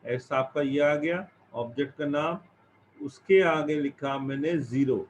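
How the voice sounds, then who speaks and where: A man's voice: a little high, unhurried. A male teacher giving a classroom lesson, explaining each step and asking and answering his own questions. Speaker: computer science teacher. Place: classroom with students. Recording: dull lo-fi recording with faint background noise.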